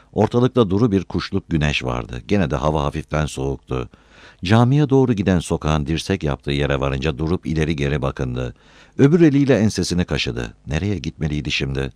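Low-voiced expressive male storyteller. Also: no room sound. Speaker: audiobook narrator. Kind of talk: scripted story narration. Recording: dry close recording.

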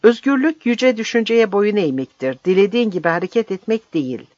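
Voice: medium pitch, animated, a little fast, a little mellow, no room sound, pitched above the performer's own voice, natural voice. A brutal, bearded male guerrilla captain roars his contempt in a raised, strained voice, as an audiobook reader puts him on. The recording is dry, with no room sound, and slightly dull. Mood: scornful. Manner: roaring, harsh, contemptuous.

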